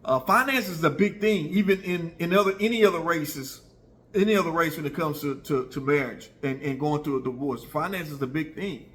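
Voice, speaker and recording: Brisk and fairly bright, his voice sits on the high side. The speaker, an American online video commentator in his early forties, talks conversationally about his casual opinions, repeating himself for emphasis and often addressing listeners directly to check in.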